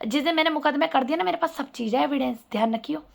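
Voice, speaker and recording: High-pitched woman, gravelly, bright, scolding and preachy vlogger. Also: racing. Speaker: vlogger addressing her sister. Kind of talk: emotional direct-to-camera appeal.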